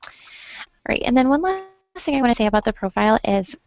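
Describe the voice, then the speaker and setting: A young woman with a fairly high, sing-song voice runs a friendly online screen-share training, talking fast with vocal fry, a slightly mellow tone, and lots of "um" fillers. She comes through a computer mic on a video call, and the web call audio sounds dull and lo-fi.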